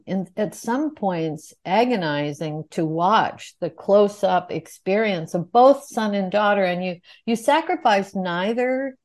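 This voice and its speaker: A woman's voice: mid-range voice, darkish tone. A woman interviewer asking thoughtful, articulate questions in long, flowing sentences.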